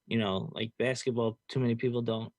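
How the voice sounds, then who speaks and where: A man's voice: mid-range voice, fairly even intonation, fairly quick, a little mellow, no room sound. A man co-hosting a casual sports chat, rambling loosely with lots of filler words. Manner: rambling, filled with "you know" and "like". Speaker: co-host.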